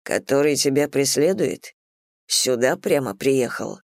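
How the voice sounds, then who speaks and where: A woman's voice: expressive, a little slow, no room sound, studio quality, full character voice. Brooding young man, as a woman reads him. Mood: grim. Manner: low, hushed, brooding delivery. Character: passionate young man, intense lover, quick to anger.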